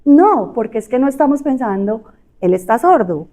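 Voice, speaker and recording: A woman's voice: on the high side, sing-song, normal speed, dark tone. A woman with a Colombian Spanish accent giving a conversational talk as an audiologist, explaining things in a chatty way with frequent fillers and rhetorical tag questions. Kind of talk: conversational health lecture.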